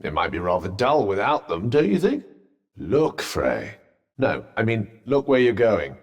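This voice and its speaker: A man's voice: lowish voice, very animated, unhurried, slightly rough, full character voice. A British man voicing a sentient magic cuff in a video game, a droll, haughty, fussy companion with a pompous, sardonic, wordy way of talking. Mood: dry sarcasm. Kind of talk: scripted game character banter. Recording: long reverberant echo on the voice.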